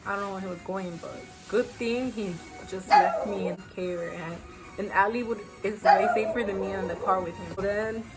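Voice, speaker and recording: A woman's voice: medium pitch, normal speed, rough recording. A young woman telling a personal story on her channel in a casual, slangy way, with many fillers. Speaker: YouTuber. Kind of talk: storytime vlog. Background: background music.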